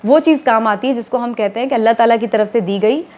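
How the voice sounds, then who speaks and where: A woman, a TV anchor calmly explaining to viewers, step by step, how to become a news anchor. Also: fairly high pitch, fast. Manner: steady, explanatory, addressing viewers formally. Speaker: TV anchor giving career advice. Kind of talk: instructional talk to camera.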